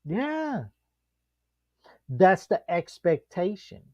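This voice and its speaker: Animated man telling stories. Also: extremely slow, no room sound, dull audio. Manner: animated storyteller, acts out quotes with big pitch jumps. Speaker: podcast co-host. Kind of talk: casual chat.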